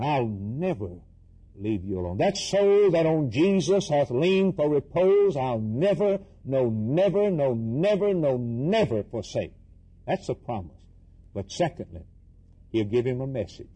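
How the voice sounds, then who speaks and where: A man preaches a fervent Bible sermon, emphatic and repetitive, firing rhetorical questions and short declarative bursts while dramatically voicing quoted scripture and dialogue. His voice sits on the high side, warm with a breathy edge, and the audio quality is poor.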